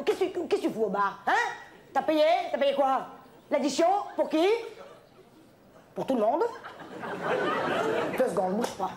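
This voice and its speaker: A woman comedian performing an exasperated, bossy stand-up sketch on a TV stage, ranting and at times shouting. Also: sits high. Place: TV studio stage with audience. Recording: archive TV stage recording with audience laughter. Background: audience laughter.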